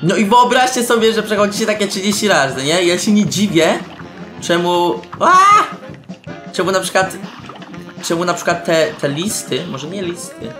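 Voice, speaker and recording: A young man giving excitable let's-play commentary, shouting, laughing and tossing in English slang. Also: high-pitched, moderate pace. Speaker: gameplay commentator. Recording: roomy echo with faint game music.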